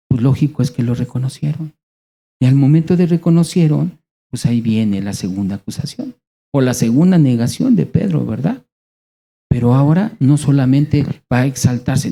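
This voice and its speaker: A male preacher with a Mexican accent and a very dark, mellow voice. He teaches in a conversational way, asking his listeners questions and pausing for effect. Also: on the high side, vocal fry, breathy edge. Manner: conversational, rhetorical questions, dramatic pauses. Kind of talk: sermon.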